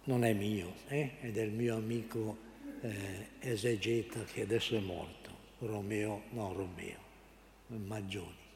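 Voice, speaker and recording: A priest preaches a homily slowly and haltingly. He often stops to search for the right word. His voice is dark and mellow, and it rings out in a large echoing church, picked up from a distance. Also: lowish voice, fairly even intonation, a little hiss or hum. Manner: unhurried, halting, searching for words.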